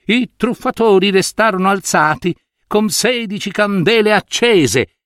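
A man reading a fairy tale aloud in an expressive, animated storytelling manner with little asides. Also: high voice, no room sound, studio quality.

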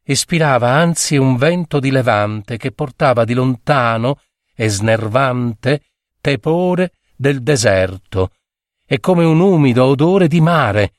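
A man narrating a literary short story in a measured, expressive reading on a close mic. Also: mid-range voice, no room sound. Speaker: audiobook narrator.

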